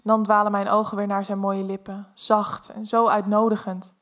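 Softly narrating woman, flat delivery. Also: medium pitch, normal speed. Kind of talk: reading an erotic story aloud.

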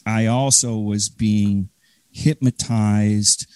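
Man, Chicago accent, lowish voice, rambling and halting, dry close sound. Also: steady tone, darkish tone, no room sound. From Chicago area. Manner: rambling, halting, many fillers. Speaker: guest. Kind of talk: casual interview chat.

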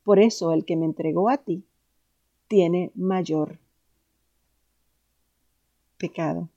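A woman voicing a calm, solemn male prophet on trial, speaking in a measured way. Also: on the low side, lo-fi sound.

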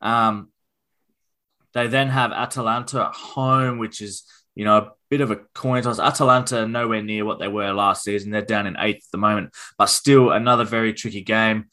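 Bright-voiced man talking football. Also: fairly low pitch, moderate pace. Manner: relaxed, thinks aloud with fillers. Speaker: podcast co-host. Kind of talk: casual football chat.

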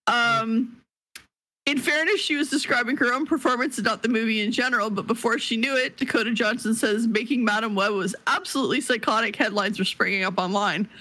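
A woman's voice: on the high side, low-quality recording. A woman co-hosting a gaming podcast, chatting casually and reading a news article aloud with laughs and restarts. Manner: laughing, excitable, trails off into restarts. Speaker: podcast co-host.

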